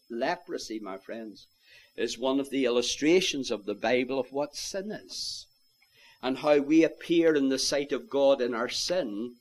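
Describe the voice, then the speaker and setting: A man preaching an evangelistic sermon, earnestly pleading with his listeners and rising to loud, impassioned calls. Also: mid-range voice. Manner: old-fashioned biblical phrasing.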